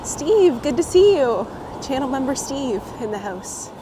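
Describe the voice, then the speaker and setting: In a high, very animated but unhurried voice, a live-streaming vlogger chats with viewers while walking through the city, greeting them by name and laughing frequently. She's a bit hoarse, still recovering from a cold. Wind and traffic noise surround her voice, captured by a clip-on mic on her coat.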